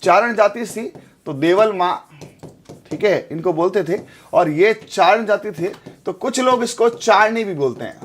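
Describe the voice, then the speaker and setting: A young man teaches a live exam-prep lesson. His voice sits high for a man. He talks in a chatty, repetitive way and keeps asking the class if they follow. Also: lively intonation, a little slow. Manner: chatty, repeats tag questions like "theek hai".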